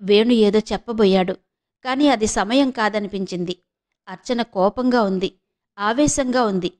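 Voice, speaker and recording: A woman from Visakhapatnam narrating a novel in a steady, expressive storytelling manner. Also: medium pitch, a little slow. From India, Visakhapatnam. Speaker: audiobook narrator.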